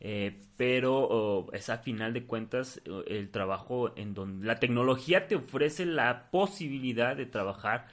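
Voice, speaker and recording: A man co-hosts a relaxed podcast. His voice sits at an ordinary middle pitch, and he talks with many pauses, fillers and restarts as he works through his ideas. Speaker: podcast co-host. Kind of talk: casual podcast chat.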